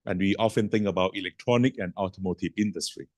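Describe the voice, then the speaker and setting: Rapid-talking male panel moderator. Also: deep voice, a little mellow, no echo, studio quality. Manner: rapid, halting, with many fillers, switching languages. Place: conference hall. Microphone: handheld microphone.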